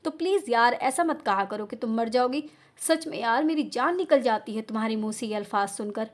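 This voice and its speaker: A cruel young husband with a sneering, falsely sweet manner, as a woman storyteller puts him on in a storybook reading. The voice stays high and lively rather than deep, so the menace sits in the taunting tone. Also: brisk, close to an everyday voice. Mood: mocking. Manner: taunting, falsely tender, flares into shouting. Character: cruel, mocking young husband who enjoys her pain.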